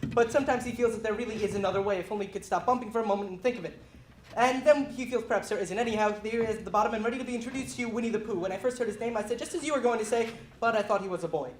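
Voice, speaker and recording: A reader performing a children's book aloud for a small audience, quick and giggly, laughing between lines. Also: medium pitch, background noise. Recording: echoey room, voice from far off.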